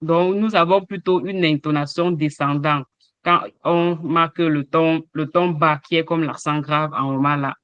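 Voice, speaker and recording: Slow, measured male language teacher. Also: on the high side, fairly even intonation, smooth, dry recording, muffled recording. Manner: slow, explains with repeated examples and hesitations. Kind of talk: online language lesson. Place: home, over a video call. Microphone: computer mic on a video call.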